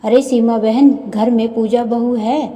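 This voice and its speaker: A woman voicing a loud, complaining middle-aged neighbor in a storybook tale, dark-toned, with hall reverb. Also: medium pitch, takes it slowly, natural voice.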